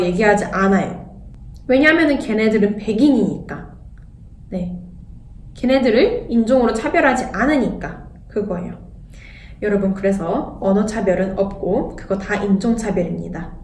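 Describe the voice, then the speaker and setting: A woman's voice: medium pitch, darkish tone, slight background noise. A young Korean woman talking candidly in a casual vlog, blunt and sarcastic at times. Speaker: vlogger. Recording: echoey room, voice a bit distant.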